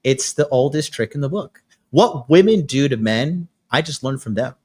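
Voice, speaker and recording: Expressive and mellow with a slightly breathy edge, this mid-range male voice moves at a normal speed. It belongs to a podcast host in his late thirties who chats casually in a crude, bragging, brash manner.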